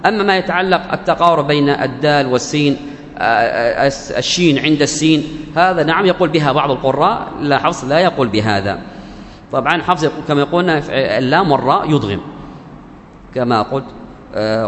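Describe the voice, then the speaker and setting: Male tajweed teacher, slow recited examples, faint room noise behind. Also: fairly high pitch, big-room sound. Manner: explains rules, then slowly recites verse examples. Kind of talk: tajweed lesson.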